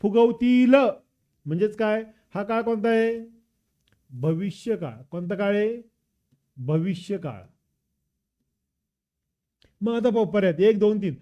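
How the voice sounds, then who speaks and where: A man's voice: sits high, animated, slow, pauses often, lo-fi sound. A man teaching with a Marathi accent, walking through an exam paper and drilling students with repeated questions and answers. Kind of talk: exam paper walkthrough lesson.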